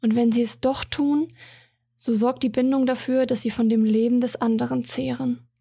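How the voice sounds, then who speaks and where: A woman's voice: fairly high pitch, fairly even intonation, normal speed, gravelly, mellow, husky, no room sound, clean studio sound. A woman voicing a young earnest lady's confidante. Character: young loyal female confidante, trained assassin, earnest.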